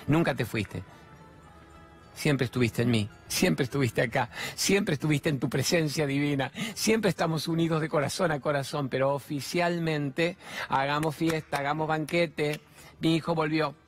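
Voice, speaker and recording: A man's voice: on the high side, moderate pace, faint music behind. Emphatic middle-aged Rioplatense man. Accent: Rioplatense Spanish. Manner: emphatic, with rhetorical questions and colloquial slang. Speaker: spiritual speaker. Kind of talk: spiritual self-help talk.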